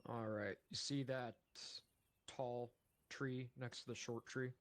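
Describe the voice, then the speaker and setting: A man's voice: medium pitch, steady tone, takes it slowly. A man giving a tactical briefing over gaming voice chat as a squad leader. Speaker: squad leader in a military game. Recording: slightly noisy gaming mic with clicks.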